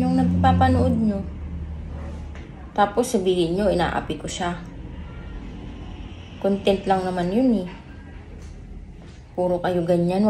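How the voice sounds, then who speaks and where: A woman vlogger in mock-indignant, bossy banter with her partner, breaking into sudden shouts, recorded at home. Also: medium pitch, slight background noise. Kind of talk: teasing couple banter. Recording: roomy room with faint ambience.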